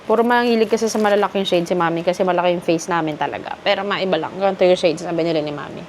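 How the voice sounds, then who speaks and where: A woman's voice: fairly low pitch, rapid-fire, a little mellow, slight background noise. A woman from the Philippines chatting casually through a haul vlog, switching freely between Filipino and English. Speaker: vlogger.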